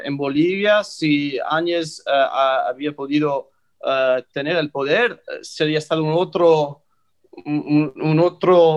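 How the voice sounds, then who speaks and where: A man speaking non-native Spanish as an interviewer giving conversational commentary, halting and repeating himself as he searches for words. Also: on the high side, clear, resonant tone. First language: not Spanish.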